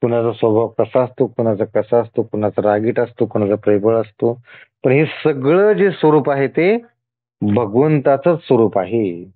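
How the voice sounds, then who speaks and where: A man slowly explaining a devotional scripture, going through long lists of terms one by one and glossing them. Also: mid-range voice, animated, no echo. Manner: slow listing cadence, explaining each term. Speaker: spiritual discourse speaker. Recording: tinny phone-like sound.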